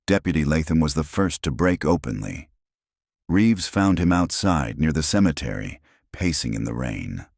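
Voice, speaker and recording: A man's voice: extremely low pitch, sing-song, normal speed, gravelly, darkish tone, breathy edge, no room sound, studio quality. A man giving dramatic, suspenseful scripted horror narration.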